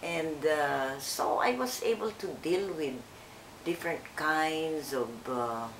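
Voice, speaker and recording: An older woman speaks slowly and haltingly, pausing often and starting her sentences over. Her voice sits a little low. The room is echoey, with faint noise underneath. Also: expressive. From Philippines. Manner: slow, hesitant, with many fillers and restarts. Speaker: interviewee. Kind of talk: oral history interview.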